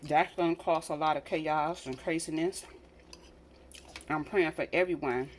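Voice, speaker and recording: A deep-voiced American woman vlogger takes her time, with a little hiss or hum in the recording. She chats casually and earnestly to her audience, leaning on repeated phrases for emphasis.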